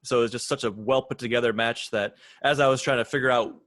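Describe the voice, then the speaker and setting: A man's voice: mid-range voice, steady tone, fast, fairly bright tone, no room sound. Laid-back guy running the podcast rundown, dry close mic. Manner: easygoing, steers the segments. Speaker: podcast co-host. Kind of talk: casual chat.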